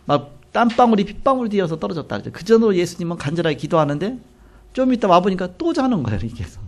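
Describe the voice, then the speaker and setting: A man preaching a sermon, retelling scripture with animated storytelling and acted-out dialogue. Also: high-pitched, rapid-fire. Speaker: pastor.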